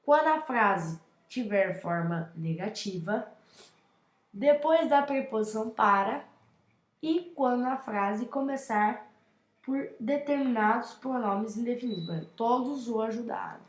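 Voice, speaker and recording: A young Brazilian woman teaches grammar in a chatty, casual way, and her voice sits a little high. She keeps checking in with her viewers as she explains. The recording carries a noticeable room echo. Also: lively intonation, unhurried. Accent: Brazilian Portuguese. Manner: chatty, addresses viewers with frequent check-ins. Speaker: teacher presenting a grammar lesson. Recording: echoey room.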